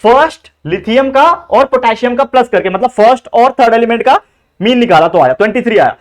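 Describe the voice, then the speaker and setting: A young male tutor rattles through an exam revision at a quick clip. His voice sits high and light. He coaxes his students along in a chatty way, dropping terms into his explanations. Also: expressive. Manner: chatty, coaxing, mixes Hindi with English terms. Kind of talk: fast exam revision lesson.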